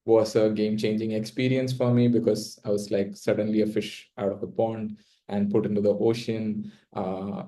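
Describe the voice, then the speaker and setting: A young man with a South Indian accent, telling his own story in a reflective, casual way with hesitant pauses mid-sentence. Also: fairly low pitch, dark tone. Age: young adult. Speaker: interview guest.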